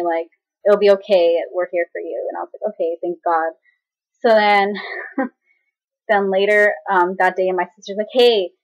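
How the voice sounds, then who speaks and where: A young woman chattily retelling a personal story in a casual vlog, acting out what others said. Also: on the low side. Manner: chatty, dramatic retelling with quoted voices and laughs. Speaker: vlogger. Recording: slightly dull lo-fi audio.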